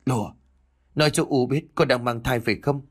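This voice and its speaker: A man's voice: medium pitch, fairly even intonation, fairly quick, husky, no room sound, studio quality, natural voice. A man voicing a stern, furious old village mother who scolds harshly through gritted teeth. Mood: probing.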